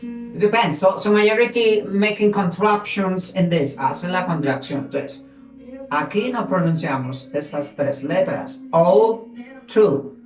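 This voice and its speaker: A woman teaching an English grammar lesson, explaining slowly and switching between English and as she drills words. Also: fairly low pitch, echoey room, faint music behind, poor audio.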